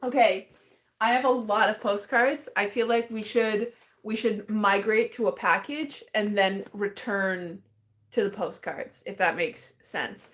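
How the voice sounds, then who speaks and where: A woman's voice: medium pitch, a little slow, a bit bright. A woman chatting casually on a live stream as she opens fan mail, rambling and hesitant with many restarts and small laughs.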